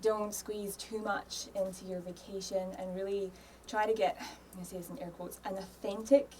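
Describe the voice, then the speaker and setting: In this casual interview chat, a woman from Scotland in her thirties speaks at a moderate pace with a flat, slightly mellow mid-range voice. She laughs a lot and says "um" and "yeah" as a relaxed studio podcast guest. Slight background noise is present, and she sits a little far from the mic.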